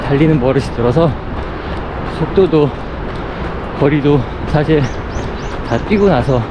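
A man speaking in short phrases while running, in a reflective, casual vlog monologue. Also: a little high. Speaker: running vlogger. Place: outdoors on city running paths. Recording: clear outdoor urban noise, passing traffic.

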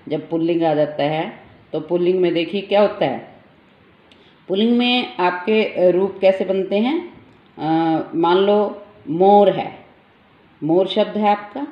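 Slow, patient woman teacher in echoey room. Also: fairly low pitch. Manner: slow, repeats each word to drill pronunciation. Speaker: Sanskrit teacher. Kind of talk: online class lesson. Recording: dull echoey room recording.

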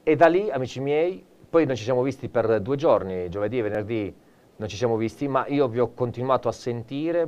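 A male presenter giving a live TV shopping pitch, theatrical and enthusiastic, turning often to an off-screen colleague. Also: a little mellow, muffled recording. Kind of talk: live teleshopping sales pitch.

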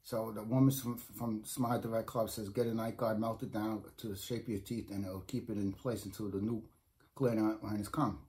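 With a flat delivery at moderate pace, this middle-aged New York-accented man uses a lowish, darkish voice for his casual food review vlog. He rambles into a close phone or webcam in a small home room, repeating himself and restarting often.

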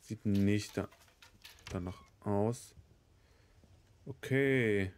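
A thirty-something man with a cold hosts a let's play, coughing and muttering sweary, casual reactions to the game. He speaks extremely slowly in a fairly low, slightly mellow voice, with a little hiss or hum in the audio.

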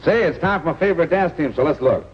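A man giving a smooth, persuasive 1950s TV commercial pitch as the announcer, heard through old broadcast sound. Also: lively intonation, fast talker, noisy background. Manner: smooth, persuasive salesman delivery. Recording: dull lo-fi old TV audio with music behind.

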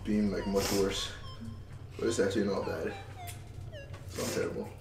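A man's voice: low-pitched, flat delivery, normal speed, roomy sound, background noise. A man in his twenties chatting casually for a vlog as he takes part in a food challenge in a home kitchen. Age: 20s. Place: home kitchen and dining table, indoors. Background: background music.

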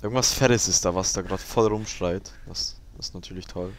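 A young man giving casual let's play commentary, sarcastic and crude, who yells when the game startles him. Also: deep voice, steady tone, brisk.

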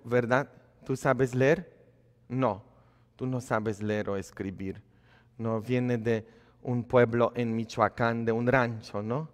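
In a church, a priest with a smooth, mid-range voice preaches conversationally, posing questions to his congregation and moving between quiet asides and loud, emphatic lines. The long hall reverb of the church fills the recording.

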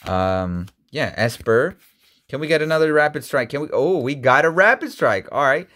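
A man's voice: animated, normal speed, sharp tone. Chatty man rambling over card packs. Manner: chatty and rambling, many ums and restarts, rises high when surprised. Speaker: YouTuber opening card packs. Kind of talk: casual card-opening vlog. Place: indoor room, seen on webcam.

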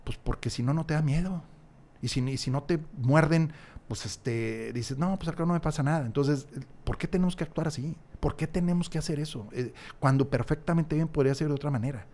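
A man with a fairly high, slightly mellow voice speaks at a fairly quick clip. He's a podcast guest in a casual conversational interview who talks at length, acts out little dialogues and repeats key phrases for emphasis. He's recorded in a small room on a large studio mic on a stand, wearing headphones.

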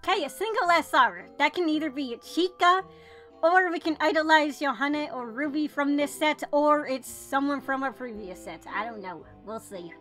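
Excitable high-voiced woman pleading at a game. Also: normal speed, soft background music. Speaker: gacha scouting video creator. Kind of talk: excited game-pull commentary.

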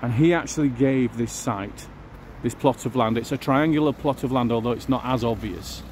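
Out on a city street, a man with a mid-range, darkish voice offers casual walking-tour commentary at a normal speed. Traffic and outdoor noise sit in the background as he thinks aloud, using fillers.

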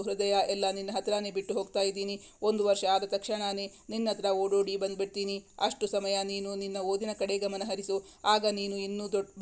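A woman's voice: mid-range voice, a little mellow, natural voice. A woman voicing a tender, reassuring young man in a read-aloud romance story, speaking evenly. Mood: soothing.

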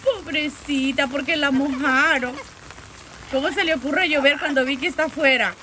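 A woman's voice: sits high, normal speed. A woman talking to her pet parrot in sing-song, coddling pet talk, outdoors. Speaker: parrot owner. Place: outdoors in the rain. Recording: rain noise behind the voice.

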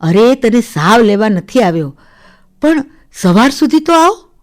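A woman voicing the ghost of an older husband, deep and grinding in tone, slow, teasing and scolding. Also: big pitch swings, exaggerated voice. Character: older husband's ghost speaking from a photo, gruff.

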